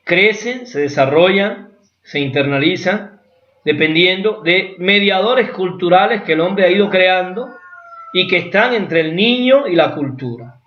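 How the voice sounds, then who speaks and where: Man, lecturer, fairly high voice, roomy echo, muffled lo-fi sound. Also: expressive, measured pace. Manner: explanatory, with rhetorical asides and acted examples. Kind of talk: academic lecture. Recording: echoey room, dull lo-fi sound.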